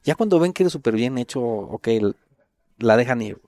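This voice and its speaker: A middle-aged man with a Mexican accent, casually telling stories as an interview guest, full of slang and swearing, animated when he quotes others. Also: mid-range voice, moderate pace, no echo. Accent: Mexican Spanish.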